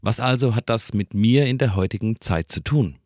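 A man giving a calm, reflective Christmas sermon. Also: on the low side, moderate pace, no room sound, studio quality. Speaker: preacher.

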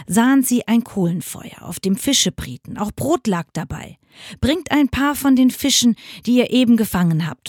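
A woman reading Bible passages aloud in a radio church service, measured and expressive. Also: mid-range voice, no room sound, studio quality. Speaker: scripture reader.

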